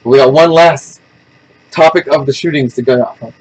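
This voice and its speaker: A man's voice: medium pitch, normal speed, husky, poor audio. A man hosting a casual podcast chat, blunt and opinionated, telling stories animatedly and acting out the people in them. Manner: animated storyteller who acts out quoted people. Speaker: podcast host.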